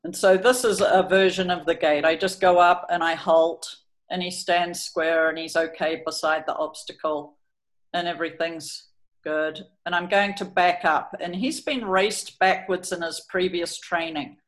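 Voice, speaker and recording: A woman's voice: on the low side, fairly even intonation, a little slow. A middle-aged woman, a horse trainer chatting hesitantly through a training video and telling stories about her horse. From New Zealand. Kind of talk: explaining training over a video, storytelling.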